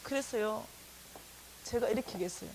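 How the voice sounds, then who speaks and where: A middle-aged woman with a Gyeongsang accent, lecturing to a congregation in a lively storytelling style, acting out the dialogue. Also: on the high side, a little fast, slightly rough. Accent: Gyeongsang Korean. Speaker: church lecturer.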